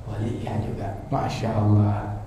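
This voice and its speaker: A man's voice: fairly low pitch, flat delivery, slow, dark tone, a little hiss or hum. A male preacher who tells a slangy story in his sermon and acts out the people in it. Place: religious gathering in a large echoing hall. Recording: very echoey hall.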